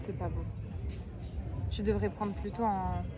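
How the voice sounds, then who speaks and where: A woman's voice: mid-range voice, fairly even intonation, measured pace. A young woman chatting casually to camera as a travel vlogger, gushing about food and using lots of fillers. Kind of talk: casual vlog chat. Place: outdoors on a Greek island with traffic around. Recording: outdoor noise in background.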